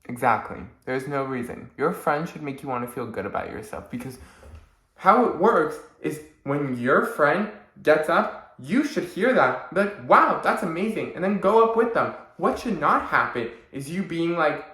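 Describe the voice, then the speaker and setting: A man's voice: on the high side, lively intonation, moderate pace, fairly bright tone. A young man talking casually in a vlog, rambling and saying "like" constantly while acting out friends' mocking voices. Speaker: vlogger. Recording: echoey room.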